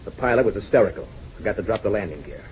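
An actor playing a serious airline owner in a 1940s radio drama, speaking in a low, grave, insistent way, heard as an old radio broadcast. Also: male voice, expressive, racing, a little mellow, slight background noise, rough recording. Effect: old radio broadcast sound.

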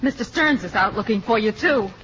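An anxious young woman in an old radio comedy. Her voice is high and sharp, her delivery earnest and flustered. The old recording is dull. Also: animated, brisk. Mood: worried. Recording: dull, faintly noisy vintage radio recording.

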